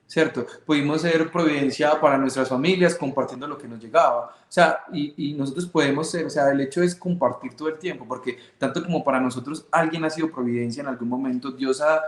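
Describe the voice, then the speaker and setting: A man's voice: mid-range voice, a little fast, hardly any pauses. A man telling his faith testimony with emotion, acting out the dialogue as he goes. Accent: Colombian Spanish. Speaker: guest sharing faith testimony. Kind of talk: personal testimony storytelling. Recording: roomy echo.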